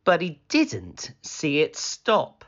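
A man reading a children's storybook aloud as a channel host, in a slow, expressive, sing-song bedtime-story manner. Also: a little high. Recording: slightly dull lo-fi sound.

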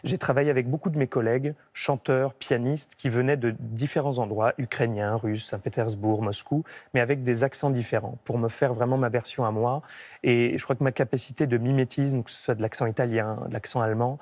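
A tenor in his thirties sits for a TV studio interview, recorded on a broadcast mic at medium shot. His mid-range voice is steady, a little fast and darkish, and he answers thoughtfully and reflectively, often restarting his sentences.

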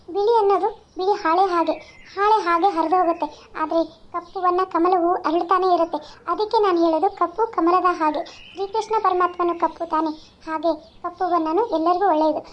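A woman channel creator closing her video with a very high, fast voice and a friendly, earnest appeal to viewers. The sound is slightly dull and lo-fi.

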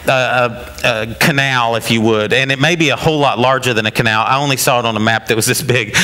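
A man's voice: mid-range voice, sharp tone. A middle-aged man preaching a sermon in a small wood-walled church, folksy and rambling, with many fillers and restarts. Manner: gestures broadly while preaching. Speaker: pastor.

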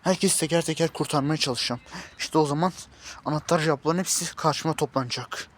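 A fairly high-voiced man performing his own homemade drama. He talks to himself, calling out in a frantic rush and then coaxing himself back to calm in hushed tones. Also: fast. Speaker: YouTube series creator playing himself as an agent.

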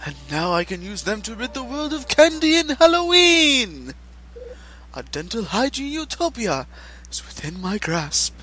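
Slow, menacing theatrical villain dentist. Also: male voice, very high voice, big pitch swings, sharp tone, faint music behind, pitched above the performer's own voice, exaggerated voice, poor audio. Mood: gloating menace. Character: menacing, candy-hating villainous dentist, adult man. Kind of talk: reading game dialogue aloud in character.

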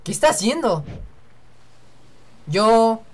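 A woman's voice: on the high side, big pitch swings, takes it slowly, slight background noise. A young woman hosting a let's-play, chatting and joking to herself as she reads game dialogue aloud. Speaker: gaming channel host.

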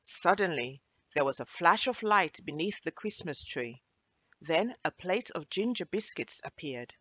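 A woman storyteller reading a children's story aloud, slow and gentle, her pitch rising and falling widely. The voice is dry and close to the mic. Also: animated, dry recording.

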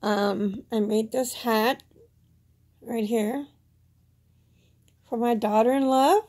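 A woman's voice: on the high side, fairly even intonation, slow pace, a little mellow. A middle-aged woman giving a casual, rambling personal update to camera, plainspoken, with slightly slurred, toothless articulation. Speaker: vlogger. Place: small indoor room at home. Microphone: phone at arm's length.

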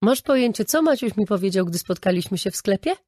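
A woman voicing an outspoken, indignant female friend who talks loudly and swears in an audiobook. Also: mid-range voice, lively intonation, fast, dry recording, studio quality, voice pushed up, lightly acted. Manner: agitated, swearing, loud.

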